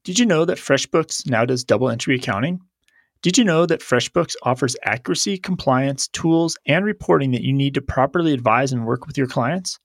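A medium-pitched, expressive man talks a little fast while co-hosting an accounting podcast, chatting casually, laughing often, and reading ads and quotes aloud. He sounds a little stuffed up from allergies, and the studio-quality recording has no echo.

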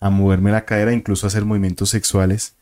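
A man's voice: lowish voice, level tone, fast talker, darkish tone. A man, a guest telling a vivid story and acting out the voices and sounds in it. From Colombia. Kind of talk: casual storytelling of a paranormal experience.

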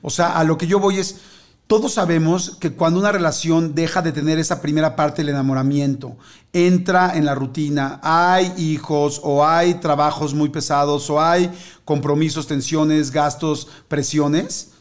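Un hombre de unos cuarenta años con acento mexicano, de voz algo aguda, que conversa relajado y cuenta una anécdota. Da muchos rodeos y llena las pausas con muletillas. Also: male voice, fairly high pitch, fairly even intonation. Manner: rambling, heavy fillers, storytelling. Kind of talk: casual chat.

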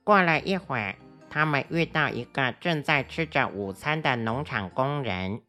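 A woman telling a children's story with a very low voice that still sounds bright and crisp. She reads gently and expressively, with soft music underneath. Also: lively intonation, normal speed.

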